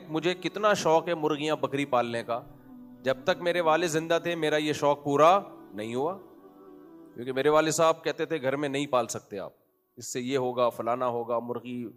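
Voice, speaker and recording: A man giving a humorous, conversational sermon as a preacher, telling family anecdotes in a joking tone. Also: fairly high pitch. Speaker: Islamic preacher.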